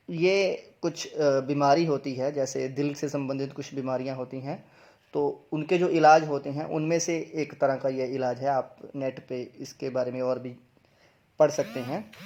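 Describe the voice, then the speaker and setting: A man's voice: medium pitch, a little mellow. A young man, teaching English pronunciation in a video lesson, explaining step by step and repeating each word twice. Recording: dull lo-fi sound.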